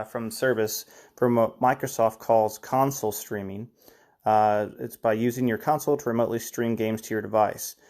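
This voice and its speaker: Male podcast host, mellow and relaxed tone, rambling casual news chat, slightly sick with cough drops. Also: mid-range voice. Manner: rambling, chatty, filler-heavy news recap.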